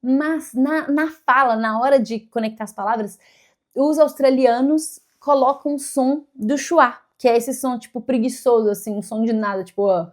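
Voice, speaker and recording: A Brazilian woman talking casually to camera about learning English, thinking aloud as she explains step by step. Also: fairly high pitch. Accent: Brazilian Portuguese.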